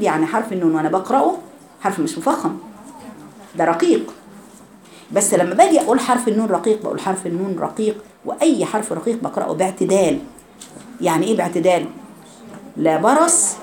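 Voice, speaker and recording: A woman's voice: fairly high pitch, darkish tone, reverberant. A woman teaching Quran recitation rules to a class of girls, speaking with an Egyptian Arabic accent and drawing out syllables as she drills pronunciation. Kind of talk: classroom tajweed lesson.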